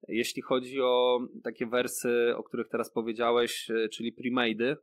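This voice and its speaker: Man, podcast guest, mid-pitched voice, chatty explainer, lots of fillers. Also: completely flat delivery, normal speed. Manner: explanatory, many fillers and tag questions. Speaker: podcast guest, rapper and freestyler. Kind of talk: casual interview chat.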